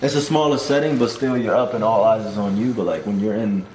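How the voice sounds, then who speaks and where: A man's voice: fairly low pitch, steady tone, fast, darkish tone. A man chatting casually, rambling through his reflections and stories in loose slang. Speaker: stage show performer. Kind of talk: casual chat. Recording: roomy echo, light background noise.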